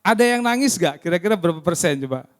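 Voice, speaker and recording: High-voiced male pastor questioning his congregation. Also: quick pace. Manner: lively, keeps asking the congregation questions. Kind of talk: interactive sermon. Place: church service.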